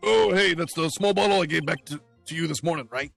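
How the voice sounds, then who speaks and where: A man's voice: fairly high pitch, fast, gravelly, fairly bright tone, faint music behind, voice pushed down. A man voicing a friendly, clumsy male police detective with an eager, folksy manner, in a voiced game playthrough.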